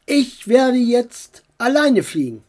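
An eager, stubborn young boy in a storybook, voiced by a woman. He asks question after question in a raised, insistent voice. The delivery stays slow and mellow. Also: fairly high pitch, sing-song, pitched above the performer's own voice, heavily acted.

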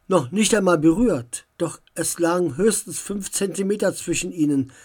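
A storyteller reading a children's fantasy story aloud, slowly and calmly. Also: medium pitch.

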